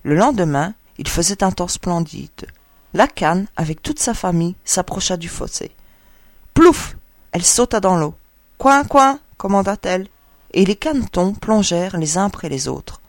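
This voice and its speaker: A woman narrating a fairy tale in a clear, measured, expressive reading. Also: on the low side, no room sound, studio quality. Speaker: audiobook reader. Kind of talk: storybook narration.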